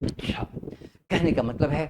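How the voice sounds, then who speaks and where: Man, high voice, English teacher, classroom lecture, drawn-out emphatic phrases, keeps asking "understand?", faint background hiss.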